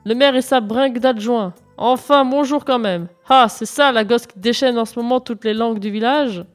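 A woman voicing a rude, brutish giant of a man in hunting clothes, gruff and scornful, over faint music. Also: on the high side, moderate pace, lightly acted.

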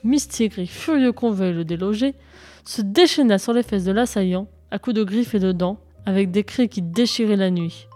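A woman narrating a children's story in a lively, expressive read-aloud manner. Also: medium pitch, moderate pace, faint music behind.

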